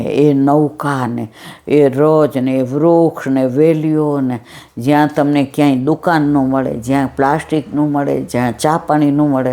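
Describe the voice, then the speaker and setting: A woman's voice: a bass voice, dark tone. An older woman giving a devotional satsang talk, telling anecdotes and acting out the dialogue. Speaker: satsang speaker.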